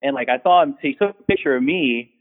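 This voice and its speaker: A man's voice: mid-range voice, fast talker. Man telling a story over a tinny phone-like line. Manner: rambling, animated storytelling with many fillers. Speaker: delivery helper telling a work story. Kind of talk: casual chat.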